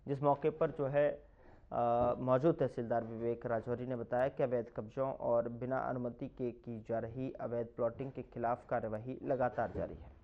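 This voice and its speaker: Male news reporter, voice-over, emphatic delivery, mid-pitched, slightly muffled lo-fi sound. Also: fairly even intonation, moderate pace. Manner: emphatic, punchy news read. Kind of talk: scripted news narration.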